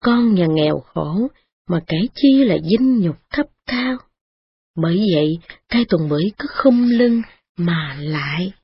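A woman reading a story aloud in a steady, expressive way. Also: on the low side, measured pace, husky, no room sound. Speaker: narrator. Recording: dull lo-fi recording with faint music.

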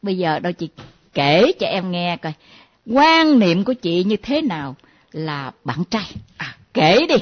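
An actress playing a nosy younger female friend who teases and mocks in a lively way. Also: fairly low pitch, unhurried. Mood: mocking. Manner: teasing, lively, mimicking. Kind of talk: comedy sketch acting. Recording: dull lo-fi recording.

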